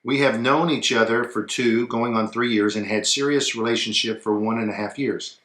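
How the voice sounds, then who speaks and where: A man co-hosting a casual advice chat, talking in a relaxed way that trails off quietly, and reading a viewer's email aloud. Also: medium pitch, moderate pace, reverberant. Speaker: co-host of an advice show.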